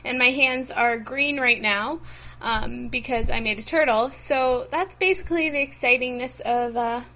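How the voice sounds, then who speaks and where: A woman's voice: a little high, normal speed, sharp tone. A young woman co-hosting a podcast, rambling in a giggly, self-deprecating casual chat. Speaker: podcast co-host.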